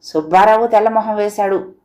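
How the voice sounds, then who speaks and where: A woman narrates a village love story in the manner of an audiobook. Her reading is lively and expressive. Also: medium pitch, a little fast.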